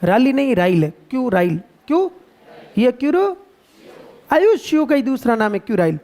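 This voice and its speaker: Playful Rajasthani Hindi classroom teacher. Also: male voice, very high voice, sing-song, darkish tone. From India. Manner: playful, quizzing students with call-and-response and drawn-out repetitions. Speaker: geography teacher. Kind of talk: classroom lecture. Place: classroom with students.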